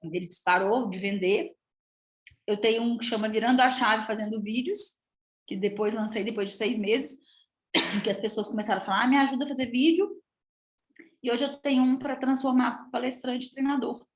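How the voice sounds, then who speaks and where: A woman from Minas Gerais with a Minas Gerais accent, a public speaking coach giving a lively, chatty live talk and addressing the audience often. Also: a little high, moderate pace, echoey room. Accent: Minas Gerais Portuguese. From Minas Gerais, Brazil. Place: room with an audience.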